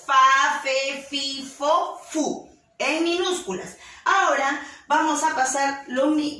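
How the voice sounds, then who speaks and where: Slow, patient woman teacher in echoey room. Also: high voice, a bit bright, slight background noise. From Peru. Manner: slow, patient, step-by-step instructions to children. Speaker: kindergarten teacher. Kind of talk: children's writing lesson. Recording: very echoey room, voice far from mic.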